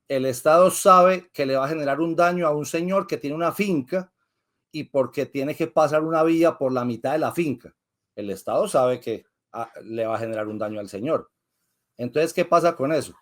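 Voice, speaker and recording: A man, a lawyer guest in an interview, who explains patiently like a teacher and asks and answers his own questions. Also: mid-range voice. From Colombia.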